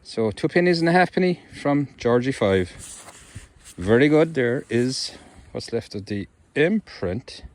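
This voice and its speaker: A man's voice: medium pitch, animated, unhurried, darkish tone. A middle-aged man chatting to viewers as he metal detects in a wet, windy farm field. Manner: chatty, talks to viewers while digging. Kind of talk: casual outdoor commentary. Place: open farm field in wind and rain.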